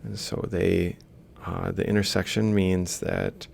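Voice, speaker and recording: This robotics lecturer speaks in an unhurried, gravelly and slightly mellow voice with little pitch movement. He gives a casual worked-example lecture, sketching as he goes, thinking out loud one step at a time and fixing his own slips. The audio carries a faint background hiss and low rumble.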